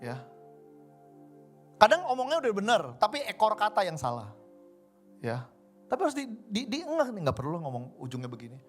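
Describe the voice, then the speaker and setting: A man's voice: high voice, wildly swooping pitch, normal speed, pauses often. A man preaching a conversational sermon, acting out everyday dialogue in different voices. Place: church service hall. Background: faint keyboard music.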